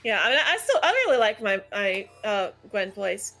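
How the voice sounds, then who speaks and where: Bright, opinionated woman chatting about games. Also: medium pitch, lively intonation, normal speed, vocal fry. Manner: opinionated, analytical, lots of "like" fillers. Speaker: channel host. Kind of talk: casual gaming chat. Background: faint background music.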